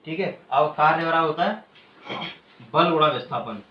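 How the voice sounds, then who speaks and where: A male teacher giving a classroom lecture who keeps asking questions and pauses for students to call out the answers, then repeats the key terms slowly. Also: on the high side. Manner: quizzes students, pausing for them to finish answers. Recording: echoey room, muffled, faint hiss.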